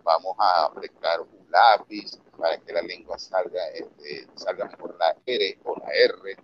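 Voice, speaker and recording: A man's voice: deep voice, fairly even intonation, measured pace. A man from Venezuela, a radio announcer and producer, giving earnest, instructive answers in a remote interview, with a Valera accent. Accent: Venezuelan Andean, Valera. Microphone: video call. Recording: dull lo-fi video call audio with faint noise.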